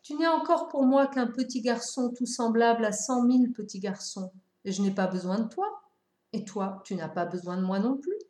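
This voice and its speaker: A woman voicing a patient, wistful fox who explains things calmly and reflectively. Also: on the high side, moderate pace, reverberant, voice pushed up, lightly acted.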